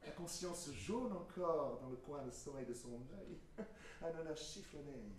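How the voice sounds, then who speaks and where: Cyrano, hammy high-voiced proud swordsman. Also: animated, unhurried. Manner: hammy, declamatory stage acting. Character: Cyrano, proud witty mocking swordsman poet with a big nose. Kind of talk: verse stage play performance. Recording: echoey hall from far off, noisy.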